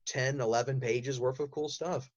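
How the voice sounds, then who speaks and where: In a casual interview, a podcast guest who voices characters and writes audio dramas recounts stories with detail and enthusiasm. His mid-range voice keeps a moderate pace and fairly even intonation.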